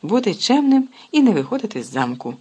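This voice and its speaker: A reader voicing an anxious, brave teenage boy wizard who talks hurried and raised in a husky voice. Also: medium pitch, very animated, mellow, voice pushed up. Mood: eager, anxious.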